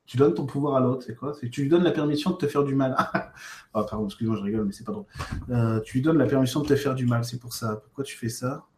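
A man's voice: mid-range voice, fast, a little mellow. A man coaching viewers live in a casual Q&A, thinking aloud with fillers and restarts and speaking to each viewer directly. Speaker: spiritual coach answering viewer questions. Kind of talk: casual livestream Q&A. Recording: roomy echo.

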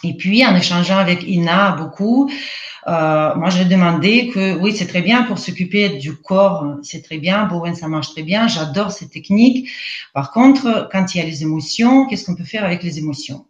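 A woman's voice: on the low side, animated, moderate pace. Russian-accented woman, roomy lo-fi sound. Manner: hesitant, many fillers. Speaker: guest, EFT practitioner. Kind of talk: casual live interview.

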